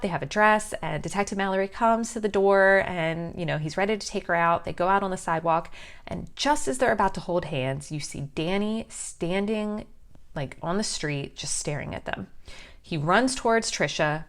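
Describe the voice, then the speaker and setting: A woman's voice: fairly low pitch, a bit bright. A woman casually retelling a horror film's plot as a vlogger, with lots of ums and you knows. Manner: chatty, many fillers like um and you know. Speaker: movie recap vlogger. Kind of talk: casual film plot recap.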